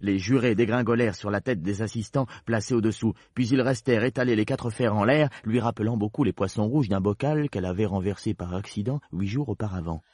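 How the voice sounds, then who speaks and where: A man narrating a storybook in a measured, storytelling manner. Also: on the low side, a little mellow, no room sound, studio quality.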